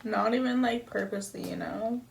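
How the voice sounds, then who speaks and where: A young woman rambles casually to her viewers between bites of food. Her medium-pitched voice often drops into creaky fry. She is self-deprecating and swears offhandedly, with faint noise behind her. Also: normal speed. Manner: talking between bites while eating. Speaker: mukbang vlogger. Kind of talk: casual eating-video chat.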